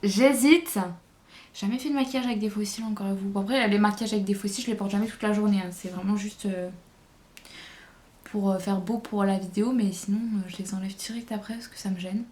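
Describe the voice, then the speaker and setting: A woman's voice: medium pitch, fairly even intonation, fast talker, a little mellow. A woman vlogger chatting casually through a makeup tutorial, hesitant and thinking aloud as she goes. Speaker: beauty vlogger.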